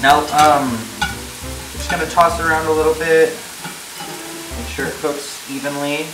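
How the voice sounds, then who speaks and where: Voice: medium pitch, far from the mic, very noisy. Tipsy, sweary home cook in a roomy kitchen. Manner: tipsy, rambling, crude swearing. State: drunk. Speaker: home cook hosting a cooking show. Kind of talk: casual cooking tutorial to camera, profane. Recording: roomy kitchen, off-mic, loud music behind. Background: loud music, sizzling pan.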